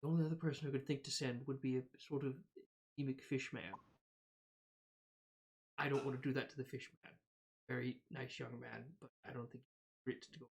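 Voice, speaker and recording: A man plays a shrewd male inventor who leans in and mutters low and secretive. He sounds gruff and guarded, like a deal is being made out of earshot. It's a voice for a tabletop fantasy game. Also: lively intonation, slow pace, pauses often. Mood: hushed. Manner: low, hushed and conspiratorial.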